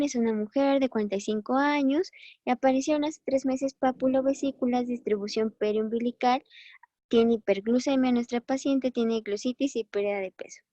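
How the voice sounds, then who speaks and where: A woman's voice: a little high, dark tone, no room sound, dull audio. A woman teaching a biochemistry lesson in a chatty, encouraging way, often correcting herself as she goes. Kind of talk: recorded online class.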